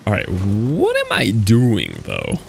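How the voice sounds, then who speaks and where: A man's voice: fairly low pitch, creaky, a little hiss or hum. A young man streaming a game, talking casually in a rambling, laid-back way with lots of fillers. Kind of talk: casual live-stream commentary while playing.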